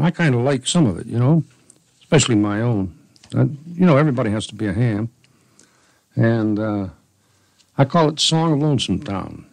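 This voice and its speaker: An older man, a street poet, heard on an old 1970s radio interview recording, talking in a halting, folksy way and reading his own poem. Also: mid-range voice, a little mellow, no room sound.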